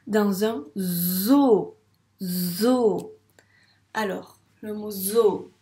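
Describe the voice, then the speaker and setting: Slow, patient woman teaching phonics. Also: mid-range voice, a little mellow, echoey room, slight background noise. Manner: slow, patient, stretches out sounds and syllables. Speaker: first-grade teacher. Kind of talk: phonics lesson for young children.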